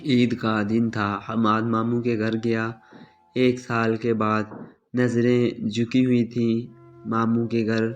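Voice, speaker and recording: A man narrating a romantic family drama in a steady, scripted storytelling voice. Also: medium pitch. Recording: slightly dull with soft music.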